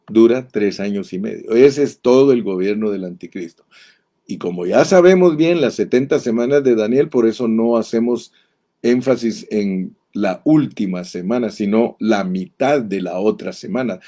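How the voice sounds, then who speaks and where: A man's voice: fairly low pitch, dark tone. A man teaching from the Bible as a pastor, reading verses aloud with emphasis and addressing his listeners directly. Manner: slow, deliberate, reads verses aloud emphatically.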